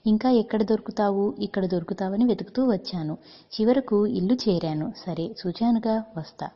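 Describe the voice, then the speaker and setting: A woman voicing a calm, blunt young girl who answers plainly and matter-of-factly, with a breathy voice. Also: mid-range voice, normal speed, muffled recording, lightly acted. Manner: plain, matter-of-fact replies.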